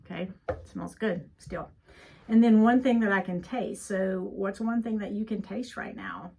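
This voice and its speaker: A woman therapist guides a calm grounding exercise in a medium-pitched voice. Her speech has a clear creaky fry at the edges. She explains things informally and unscripted, with hesitations as she goes. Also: a little slow. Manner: conversational, unscripted, filler-heavy. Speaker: therapist teaching a mindfulness exercise. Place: office, indoors.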